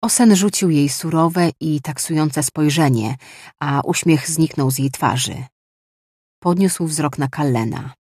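An audiobook narrator reading fiction in an even, measured way. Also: medium pitch, slightly rough, no room sound, clean studio sound. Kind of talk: scripted narration.

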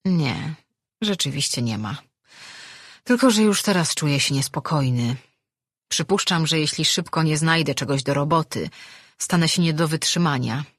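A woman's voice: sits low, moderate pace, no echo, clean studio sound. A woman voicing a weary, restless man who is an ancient dream weaver, speaking in an earnest, reflective way.

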